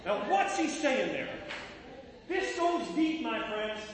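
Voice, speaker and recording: A man's voice: very high-pitched, sing-song, slow pace, background noise. A man preaching a sermon, calling out to his listeners and breaking into short sung lines. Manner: preaching with sung snatches and call-outs to listeners. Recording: echoey hall from far off.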